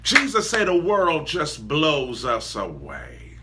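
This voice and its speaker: A man preaching a sermon, emphatic, with loud rises and laughing asides. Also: on the high side, huge pitch swings, slow, noisy background.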